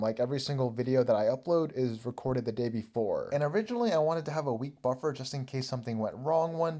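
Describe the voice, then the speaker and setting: A man's voice: mid-range voice, dark tone. A young man hosting a solo podcast, chatting casually in a rambling, self-mocking way. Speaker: podcast host.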